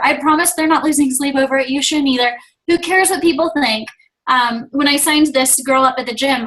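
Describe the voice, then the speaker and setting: High-pitched woman, top-rank distributor, chatty pep talk over video call. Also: fairly bright tone, low-quality recording. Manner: chatty storytelling, quotes others in their voices. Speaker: guest speaker, top-ranking distributor.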